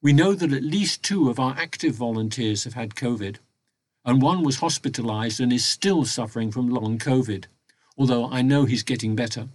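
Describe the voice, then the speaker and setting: A man reads a prepared report in a measured, formal way, recording at home inside a wardrobe. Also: medium pitch, darkish tone. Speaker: volunteer reporting to members of a local talking newspaper. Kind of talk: prepared spoken annual report, read aloud. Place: home recording inside a wardrobe, close and muffled by soft surroundings.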